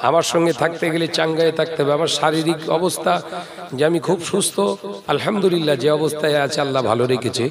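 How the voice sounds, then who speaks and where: A hoarse male preacher with a West Bengal Bengali accent, delivering a sermon to a tent gathering and firing rhetorical questions at the crowd. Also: a little high, fast talker. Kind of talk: sermon at an outdoor religious gathering.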